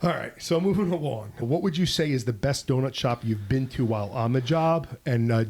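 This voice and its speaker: Male podcast host, casual storytelling, animated, laughs at himself, mid-pitched voice. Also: brisk, faint music behind. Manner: animated, laughs at his own stories. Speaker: podcast host, police officer.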